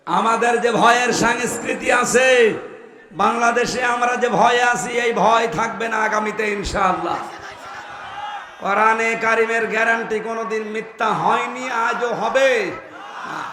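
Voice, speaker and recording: Fiery high-voiced male preacher, echoey. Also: steady tone, unhurried. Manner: fervent, shouting for emphasis. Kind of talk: waz sermon. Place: outdoor religious gathering with PA.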